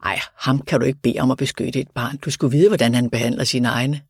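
A man voicing death's grim male driver in a solemn, measured way. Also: mid-range voice, fairly even intonation, gravelly, darkish tone, husky, no echo, studio quality. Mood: stern.

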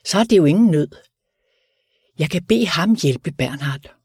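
A man's voice: a little high, lively intonation, a little mellow, breathy edge, no room sound, studio quality, pitched above the performer's own voice. A man voicing a dying male prisoner who pleads eagerly in a raised voice.

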